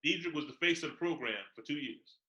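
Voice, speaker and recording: Bright-voiced teasing coach. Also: male voice, on the high side, fast talker, lo-fi sound. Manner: teasing, animated, stammers on restarts. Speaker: basketball coach co-host. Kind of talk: casual chat.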